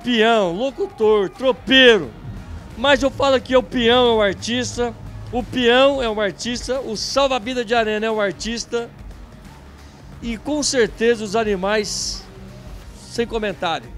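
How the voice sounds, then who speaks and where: A man's voice: very high voice, unhurried, fairly bright tone, faint music behind. A middle-aged Brazilian man presenting live from a rodeo like a hyped, emphatic announcer, talking into a handheld microphone. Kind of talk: live event reporting and interviews. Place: at a rodeo festival, in booths and outdoor stalls.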